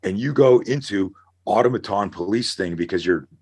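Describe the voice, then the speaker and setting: A middle-aged man on a podcast, an animated storyteller who acts out scenarios as he talks. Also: fairly low pitch, normal speed, breathy edge. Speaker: guest, self-defense instructor. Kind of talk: casual podcast conversation.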